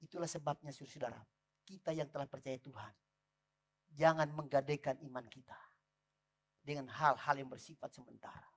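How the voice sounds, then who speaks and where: A man preaching a lively sermon in church, calling out to the congregation. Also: medium pitch, a little fast, long pauses. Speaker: pastor.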